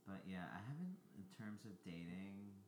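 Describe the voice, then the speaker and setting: A man's voice: low voice, expressive, normal speed, a little mellow, slight background noise. A man in his twenties from New Jersey, chatting casually as a guest, rambling with lots of filler words and restarts. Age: 20s. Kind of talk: casual chat.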